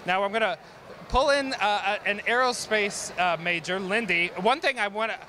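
A man's voice: high voice, moderate pace, sharp tone, a little hiss or hum. A man interviewing graduates live with an enthusiastic, chatty manner, on a handheld mic in a crowded indoor gym. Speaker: social media manager interviewing graduates.

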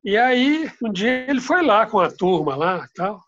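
An older man, a father telling family stories, recalls the old days over a video call from a room at home, hesitating and trailing off. His high voice swings widely in pitch at a normal speed, with a noisy crowd behind him. The laptop webcam gives dull, lo-fi call audio.

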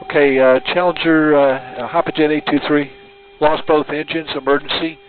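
A man's voice: fairly high pitch, little pitch movement, moderate pace. Male pilot on cockpit headset radio. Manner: terse clipped radio phraseology. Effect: pilot speaking over a cockpit headset radio. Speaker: airline pilot. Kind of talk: air traffic radio call. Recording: tinny narrowband radio transmission.

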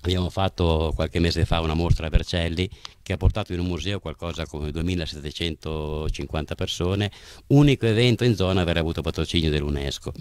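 Man in his sixties, very deep voice, puppeteer interview, handheld mic indoors. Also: steady tone, fairly quick, darkish tone, a little hiss or hum. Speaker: puppeteer from a family company. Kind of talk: interview, explaining his craft. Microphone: handheld microphone.

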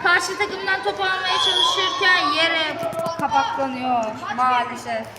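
A woman calls a football match live in an extremely high voice. The recording is outdoors, very noisy, with a loud crowd behind her. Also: steady tone, unhurried.

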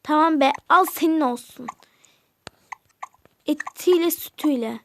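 Woman plays a cold scornful mother in a toy-game story, snappish and insulting, very high voice. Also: unhurried, slight background noise. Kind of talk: toy game role-play voice-over.

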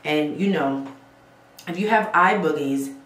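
A woman's voice: low-pitched, measured pace, fairly bright tone, slight background noise. Chatty woman giving a tutorial in a roomy bathroom. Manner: chatty, checks in with "okay?", calls viewers "sis". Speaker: beauty vlogger. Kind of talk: casual how-to tutorial. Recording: roomy echo, faint ambience.

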